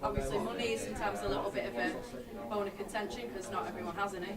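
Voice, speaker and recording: A woman's voice: mid-range voice, fairly even intonation, racing, far from the mic. A woman interviewing a band in a casual, conversational style. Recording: loud crowd noise all around. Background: loud crowd at a live event.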